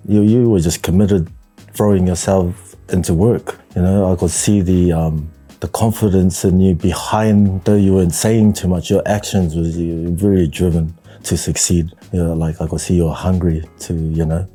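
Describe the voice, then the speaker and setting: Husky, low-voiced New man. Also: steady tone, mellow, faint music behind. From New Zealand, raised partly in Tonga. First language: Tongan. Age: 40s. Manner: hesitant, reflective, many pauses and fillers. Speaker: podcast guest. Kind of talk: casual interview chat.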